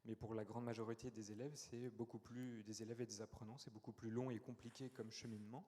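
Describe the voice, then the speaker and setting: A man presenting his startup in a conference pitch, explaining steadily with frequent hesitations. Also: little pitch movement, a little fast, dark tone. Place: conference hall. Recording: long hall reverb.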